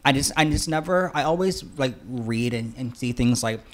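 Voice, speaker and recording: A man's voice: medium pitch, moderate pace. Guy w a lisp, whistly slushy s, chatting casually on a podcast, kinda apologetic and earnest. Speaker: podcast co-host. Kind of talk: casual, rambling discussion.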